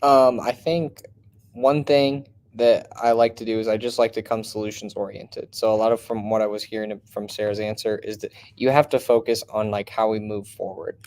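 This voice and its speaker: A man's voice: fairly low pitch, fairly even intonation, moderate pace, darkish tone. A man teacher on a virtual panel, talking casually with fillers about coming to parents with solutions.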